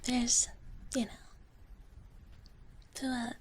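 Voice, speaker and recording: In a soft, breathy whisper close to an ASMR mic, a woman streams live, chatting playfully as a gentle wish dragon who often refers to herself in the third person. Her voice is a little high and monotone, with drawn-out words. Background noise is clearly audible.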